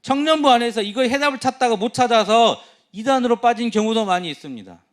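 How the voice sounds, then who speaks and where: A youth pastor preaching a sermon, earnest and emphatic, firing rhetorical questions at the congregation. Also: male voice, extremely high pitch, lively intonation, fast talker.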